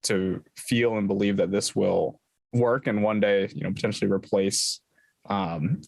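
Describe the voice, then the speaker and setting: A young man co-hosting a casual podcast chat, talking haltingly with frequent restarts. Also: fairly low pitch, steady tone, vocal fry, a little mellow, dry recording. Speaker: podcast co-host.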